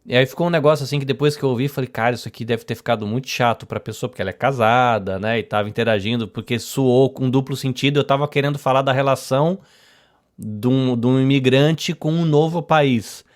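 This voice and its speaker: A man's voice: mid-range voice, fairly quick. A man with a Brazilian accent hosting a podcast, telling stories in a rambling, self-correcting way. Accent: Brazilian Portuguese. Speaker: podcast host. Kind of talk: casual interview chat.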